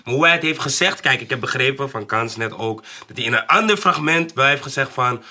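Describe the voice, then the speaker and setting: A man's voice: mid-range voice, expressive, brisk, bright, forceful tone. A man on a casual podcast, talking hesitantly with many restarts and laughing easily. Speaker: podcast co-host.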